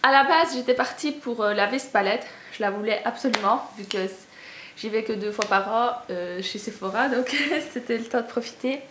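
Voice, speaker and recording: A woman's voice: a little high, moderate pace, fairly bright tone. A young woman with a Belgian French accent, chatting in a casual haul video, gushing and self-mocking with lots of fillers. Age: young adult. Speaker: beauty vlogger. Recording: echoey room with faint ambient noise.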